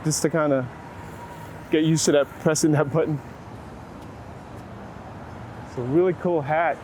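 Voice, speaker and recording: Speaking fairly quickly in a slightly high, mellow voice with a steady tone, this Waco, Texas, native chats as a photographer during an interview. He's reflective and loose, hedging with frequent "like." Out on a city street, the clip carries clear traffic noise, passing vehicles, and urban ambience.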